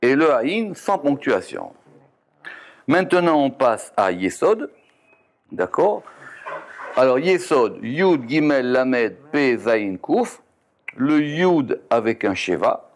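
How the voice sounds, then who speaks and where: A man's voice: medium pitch, very animated, takes it slowly, long pauses. A man teaching a Kabbalah text lesson, reading Hebrew letter and vowel names and explaining them, often stopping to correct himself. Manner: reads Hebrew terms then explains in French, self-correcting.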